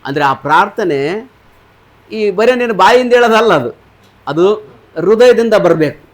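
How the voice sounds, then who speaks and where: A man's voice: sits high, lively intonation, a little slow. A man preaching a sermon, asking the congregation questions and repeating their answers. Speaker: pastor. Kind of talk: sermon with call-and-response.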